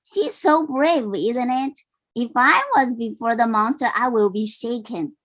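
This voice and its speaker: This is a woman with a high, fairly bright voice, reading a storybook slowly as a parent would. Her read-aloud is simple and explanatory, broken up by asides and check-ins with the listeners.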